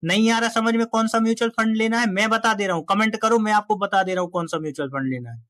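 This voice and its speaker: A man's voice: high voice, quick pace, a bit bright, no room sound. A man speaking directly to viewers about investing in a casual, emphatic, exhorting way. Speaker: finance YouTuber. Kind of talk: direct-to-camera finance talk.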